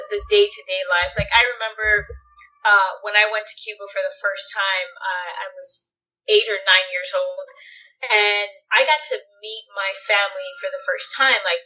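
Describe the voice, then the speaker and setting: A woman's voice: medium pitch, bright, forceful tone. A woman guest in a casual interview, telling reflective stories with many fillers and restarts. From United States. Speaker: guest actress. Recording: dull lo-fi podcast audio.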